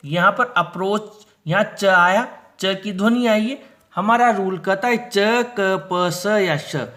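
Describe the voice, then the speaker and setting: High-voiced Indian man teaching pronunciation. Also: a bit bright. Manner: patient, repeats each rule slowly. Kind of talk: explanatory Hindi lesson.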